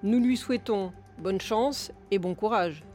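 A woman reading a parody news bulletin in a brisk, matter-of-fact newsreader manner. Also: medium pitch. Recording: faint music under the voice.

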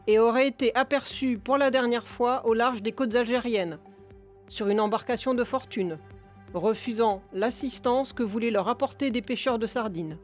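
A woman reading a parody news bulletin in a brisk, matter-of-fact newsreader manner. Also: a little high. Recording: faint music under the voice.

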